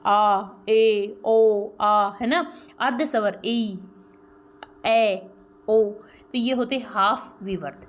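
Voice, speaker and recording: A woman with a fairly high voice teaches a grammar lesson in a patient, step-by-step way. She keeps asking the class questions and checking in with them, and she draws out example sounds slowly so they can be heard. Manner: explains step by step with repeated check-ins and rhetorical questions.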